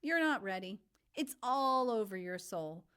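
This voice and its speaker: A man's voice: high voice, expressive, unhurried, pushed and bright, smooth, full character voice. A woman voicing an anxious, hospitable male ferryman of souls, fretful at times and formal and grand at others.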